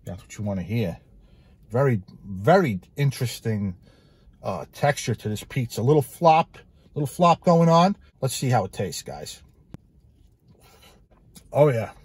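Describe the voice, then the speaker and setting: A man's voice: mid-range voice, animated, measured pace, long pauses, a little mellow, breathy edge. A man hosting a casual food review vlog, talking about pizza with enthusiasm and repeating his phrases for emphasis.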